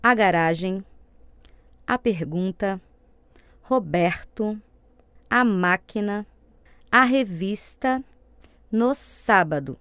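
A woman slowly reading single example words for a pronunciation lesson, each one clearly enunciated. Her voice is smooth and resonant, and the recording is dry and close. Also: medium pitch, expressive, fairly bright tone, dry recording. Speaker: example reader.

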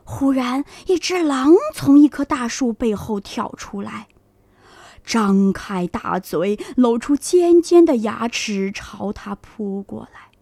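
A kindergarten teacher, a woman, telling a story to young children in a slow, expressive, sing-song way. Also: on the high side, gravelly, dry recording.

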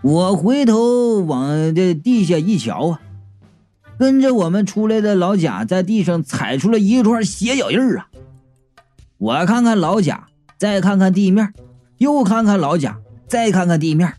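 A reader narrating a comic ghost story as an audiobook, in a lively storytelling tone. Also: mid-range voice, unhurried, soft background music.

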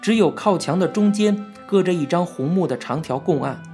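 Measured male audiobook narrator, soft music. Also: sits high, expressive. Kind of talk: scripted narration.

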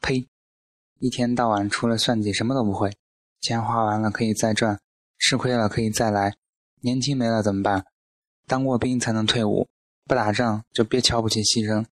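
A man voicing a fierce, sharp-tongued elderly mother who scolds and lectures bluntly in a storybook reading, with a lowish, dry voice. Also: fairly even intonation, normal speed, no echo, natural voice. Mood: lecturing.

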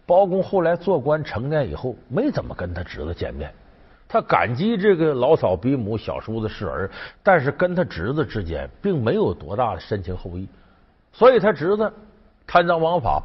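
Lively chatty male storyteller. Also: medium pitch, slightly rough. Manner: chatty, lively, folksy asides. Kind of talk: colloquial folk-tale storytelling. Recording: dull lo-fi sound.

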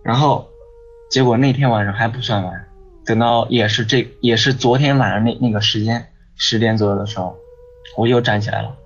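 A man's voice: medium pitch, steady tone, a little fast. A man, talking as a guest who tells a personal story at length, repeating words and often asking "you know?". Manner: rambling, repeats words, frequent "你知道吗". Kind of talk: casual storytelling on a ghost-story podcast. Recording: dull lo-fi sound with faint music behind.

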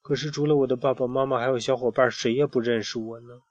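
A man's voice: medium pitch, steady tone, fast talker, darkish tone, no echo, lo-fi sound, close to an everyday voice. A man voicing a small, timid, curious boy who asks plaintive questions. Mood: wistful.

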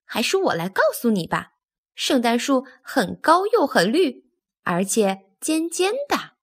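A woman's voice: on the high side, sing-song, measured pace, husky, full character voice. A woman voicing a boastful male train engine who teases and makes a fuss. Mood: smug. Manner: teasing, making a fuss.

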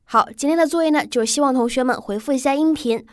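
A woman English teacher leads a pronunciation lesson in a slightly raised voice. She prompts her students in a friendly way and drills each word slowly and distinctly. The sound is close and dry, with no room echo. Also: high voice. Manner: drills words slowly and clearly for repetition.

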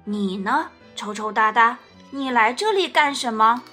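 A woman's voice: fairly high pitch, lively intonation, unhurried, pushed and bright, husky, faint music behind, full character voice. A woman voicing a big, hungry male T. rex in a picture-book read-aloud, blunt and hesitant. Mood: gruff, gentle.

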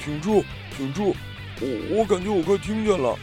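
A man voicing an excitable little meatball creature that squeals with eagerness. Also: sits high, normal speed, music in the background, voice pushed up. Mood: tense.

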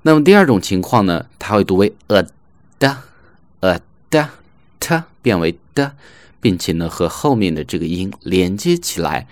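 A man with a very low voice gives a pronunciation lesson and says each example phrase slowly and more than once. The recording is dry and close, with no room sound. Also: very animated, a little mellow, dry recording. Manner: models English phrases slowly and repeats them. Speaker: English pronunciation teacher. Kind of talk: online language lesson.

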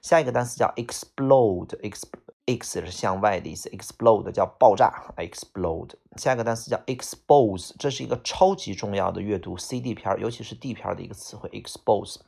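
A man with a low, gravelly voice leads an easygoing vocabulary lesson. He spells English words out letter by letter. He keeps things loose with drawn-out fillers as he goes. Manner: relaxed, chatty, with drawn-out fillers.

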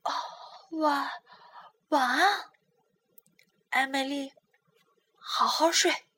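A woman's voice: high voice, very slow, pushed and bright, exaggerated voice. A woman voicing a timid, furry little monster boy with fangs in a bedtime storybook, speaking shyly and hesitantly with stammers.

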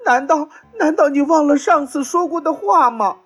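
A woman voicing a desperate trapped deer parent in a children's storybook, begging in a high pleading voice. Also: normal speed, soft background music, natural voice.

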